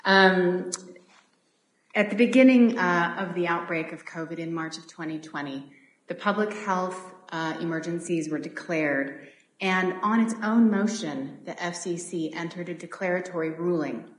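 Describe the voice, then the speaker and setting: A woman attorney giving a formal appellate oral argument, measured and polite with occasional fillers. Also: on the low side, roomy sound, rough recording. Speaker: attorney arguing for a city.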